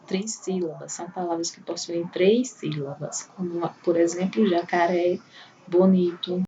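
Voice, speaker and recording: A woman teacher explains a school lesson to children patiently, walking through examples step by step. Her voice sits a little low and sounds mellow, never sharp. She is picked up from a little way off the mic, with a faint hum in the room. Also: normal speed, highs cut off. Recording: voice a bit far from the mic, faint room noise.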